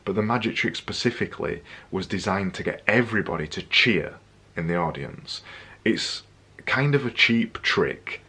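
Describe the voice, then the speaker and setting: Low husky-voiced man giving chatty tips. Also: normal speed. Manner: energetic, jokey, repetitive emphasis. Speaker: vlogger giving presentation tips. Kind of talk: casual to-camera vlog.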